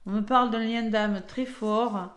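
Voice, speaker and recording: Chatty French female tarot reader, higher voice, echoey room. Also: fairly even intonation, unhurried. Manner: chatty, filler-heavy, frequent "hein". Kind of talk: weekly tarot reading.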